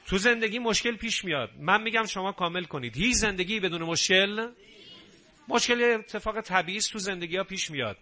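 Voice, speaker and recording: A middle-aged man preaching a sermon on family life, animated, acting out quarrels between spouses. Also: high voice. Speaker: preacher giving a nightly family talk.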